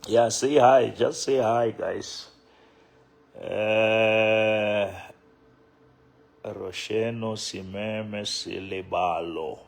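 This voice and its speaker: A man with a Sotho accent speaks at a very slow pace in a fairly low voice. He talks casually, as a church leader on a livestream, repeating phrases as he greets people. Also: steady tone, vocal fry. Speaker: bishop, live stream host.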